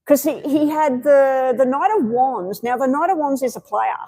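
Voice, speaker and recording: A woman's voice: high voice, moderate pace, dark tone, no room sound, rough recording. A woman giving tarot readings on a live stream, chatty and meandering, with many fillers. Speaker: tarot reader.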